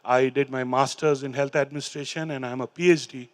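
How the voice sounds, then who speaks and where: In a steady mid-range voice, a middle-aged man with an Indian English accent and Hindi or Urdu as his first language shares his recovery story and poems on a large hall stage. He speaks into a handheld mic, earnest yet halting, with fillers and restarts.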